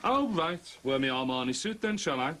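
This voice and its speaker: A grumbling hard-up husband. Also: male voice, a little high, lively intonation, moderate pace, fairly bright tone, a little hiss or hum. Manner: grumbling, put-upon. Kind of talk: 1980s TV soap acting.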